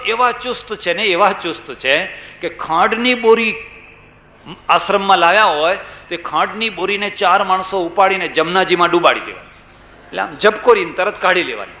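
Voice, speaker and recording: Male preacher, bright voice, storytelling sermon with rhetorical questions, echoey room. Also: fairly high pitch. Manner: storytelling, rhetorical questions, acts out quoted people. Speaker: swami giving a religious discourse.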